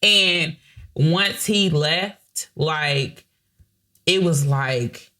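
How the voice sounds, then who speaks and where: A woman's voice: low-pitched, very slow, bright, forceful tone. A woman co-hosting a podcast, telling a personal family story in a candid, emotional way with many restarts and the odd swear word. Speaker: podcast co-host.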